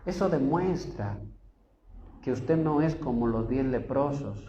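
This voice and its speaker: A male pastor with an Ecuadorian Spanish accent preaching a sermon, putting questions to the congregation and swinging between loud peaks and quiet asides. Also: mid-range voice, expressive, slow pace. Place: church. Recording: roomy church echo, slightly dull and noisy.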